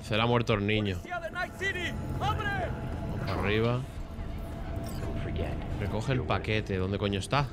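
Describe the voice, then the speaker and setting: A man's voice: on the low side, wildly swooping pitch, unhurried, pauses often, loud music behind the voice. A man, chatting casually and swearing while commentating a game late at night. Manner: chatty, swears freely, thinks aloud. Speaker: streamer.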